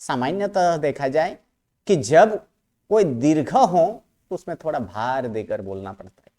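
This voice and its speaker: A male teacher giving a classroom lecture. His pitch rises and falls a great deal, and he speaks at an unhurried pace. He keeps asking his class questions and going back over each point. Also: expressive, mellow. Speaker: Sanskrit grammar teacher. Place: classroom, writing on a board.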